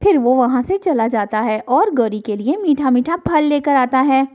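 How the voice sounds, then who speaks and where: A woman narrating a children's cartoon story in a gentle, chatty storytelling manner. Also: sits high, expressive. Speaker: storyteller, channel owner.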